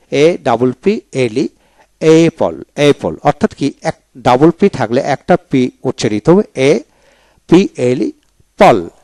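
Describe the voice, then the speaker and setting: A man with a Bengali accent teaching English pronunciation, saying each word twice slowly and carefully. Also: mid-range voice, darkish tone, no room sound. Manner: repeats each word twice, slow and deliberate. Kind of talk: pronunciation drill lesson.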